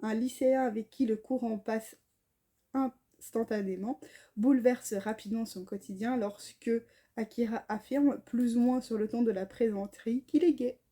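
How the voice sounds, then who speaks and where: A woman's voice: fairly high pitch, moderate pace, dark tone. A woman chatting casually about books, reading blurbs aloud and tripping over names. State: tired. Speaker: book vlogger. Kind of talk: casual chat.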